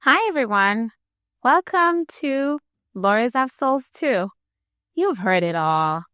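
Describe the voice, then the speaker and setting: A woman in her thirties from Haiti, hosting a podcast and telling her own story in a candid, animated, conversational way. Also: a little high, slow, smooth, no room sound, clean studio sound. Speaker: podcast host.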